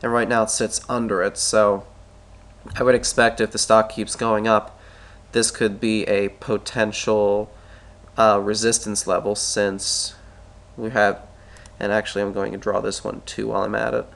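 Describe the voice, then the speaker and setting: Fairly low and creaky with a bit of brightness, this analyst's voice stays flat at a moderate pace. Congested and clearing his throat, he narrates a screen-recorded stock chart lesson, musing aloud and revising himself while he draws.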